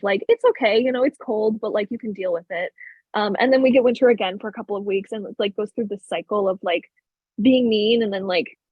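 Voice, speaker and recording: A young-sounding woman from Illinois talks through a panel chat, her voice slightly husky and breathy. She rambles, restarts and fills gaps with little words. The call audio is dull and dry, with no room around it. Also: mid-range voice, no room sound. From Illinois, USA. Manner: rambling, lots of fillers and restarts. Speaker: theater apprentice, playwright.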